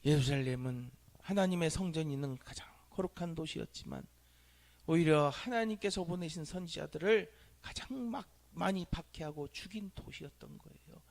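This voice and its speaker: A man preaching a sermon as pastor, asking the congregation questions and swinging from hushed near-whispers to loud exclamations. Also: on the high side, moderate pace, vocal fry. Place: church sanctuary.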